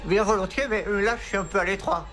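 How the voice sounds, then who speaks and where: A woman's voice: mid-range voice, quick pace, fairly bright tone, soft background music, natural voice. A woman voicing a zealous, fawning schoolboy in a cartoon, with a pompous, reverent manner. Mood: eager, servile. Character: zealous, fawning schoolboy Templeton, devotee of a machine. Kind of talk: cartoon dub acting.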